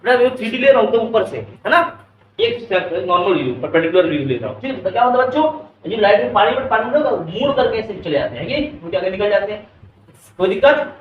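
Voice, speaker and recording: A male physics teacher with an Indian English accent lectures a class, constantly quizzing his students and calling them "beta." His high-pitched voice moves at a quick pace with big pitch swings. The audio is narrow and tinny with a little hiss or hum, recorded in an echoey classroom with the mic far off.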